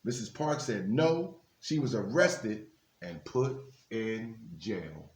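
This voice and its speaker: Reading aloud as a guest at a basketball team's literacy-program story time, this man speaks slowly in a fairly low, slightly mellow voice with big swings in pitch. He pauses the children's book for informal words of encouragement to his young audience, and the room around him echoes heavily.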